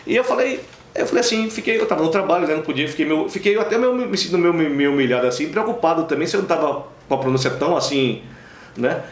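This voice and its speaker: A fast-talking singer from Bahia, Brazil, speaks Bahian Portuguese as an interview guest in a casual chat. His voice sits on the high side, and he rambles through anecdotes full of fillers and restarts. The recording is reverberant with a little hiss or hum.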